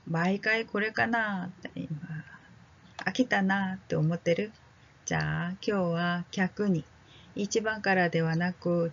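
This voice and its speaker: Slow, gentle woman teaching vowels. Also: on the low side, gravelly, lo-fi sound. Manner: speaks slowly, drawing out vowel drills and checking in with learners; casual and friendly, with fillers like "ano". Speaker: Korean language teacher. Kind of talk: slow, gentle language lesson.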